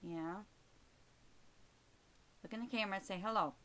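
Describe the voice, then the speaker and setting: A woman's voice: mid-range voice, moderate pace, sharp tone, rough recording. A woman chatting casually to her pet budgie, coaxing it with short repeated prompts and endearments. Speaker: pet owner filming her bird. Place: recorded while handling the camera herself.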